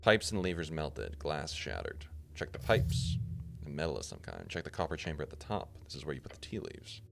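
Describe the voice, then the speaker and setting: A man's voice: very deep voice, very animated, a little fast, vocal fry, background noise. A man streaming a video game, reading its text aloud casually with muttered asides and swearing.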